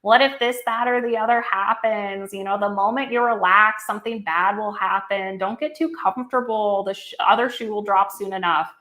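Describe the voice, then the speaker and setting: A woman voicing her anxiety as a personified inner voice of panic, high-pitched and nasal, full of fretful warnings. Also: steady tone, normal speed, few pauses, sharp tone, natural voice. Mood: anxious nagging. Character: panic as a nagging inner voice, shrill and anxious.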